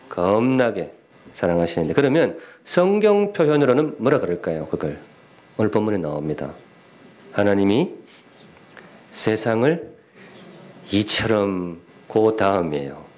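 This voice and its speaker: Man, middle-aged pastor, sermon in church, animated up-and-down pitch, humorous and questioning. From Gyeongsan, North Gyeongsang, Korea. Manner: lively preaching with questions and humor to the congregation. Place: church sanctuary.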